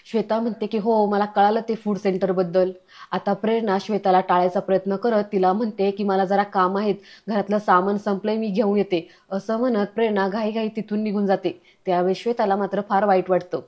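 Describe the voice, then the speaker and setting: Flat, mellow-voiced woman recapping a serial. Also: mid-range voice, fairly quick. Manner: reads characters' lines with little change of voice. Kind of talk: retelling a TV serial episode. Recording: dull lo-fi recording.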